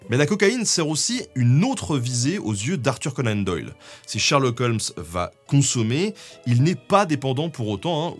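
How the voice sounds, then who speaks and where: A man explaining history in a casual, chatty way, often dropping in small fillers. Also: medium pitch. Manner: chatty, with many fillers like "hein". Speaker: guest co-host.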